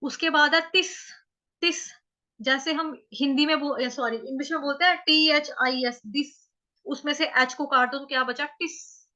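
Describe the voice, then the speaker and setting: A woman teaching chanting pronunciation, who chants each word slowly and drawn out, then explains it in quick, chatty speech. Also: high-pitched, bright, forceful tone. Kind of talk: step-by-step pronunciation lesson. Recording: slightly dull lo-fi audio.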